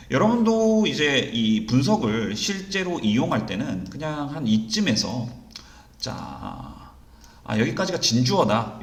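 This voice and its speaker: A male teacher explains an exam reading passage with a lively, rising and falling voice that sits slightly high. He peppers the lesson with quick questions he answers himself. The sound is roomy, with noticeable echo. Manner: reads English passages slowly and deliberately. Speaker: English teacher.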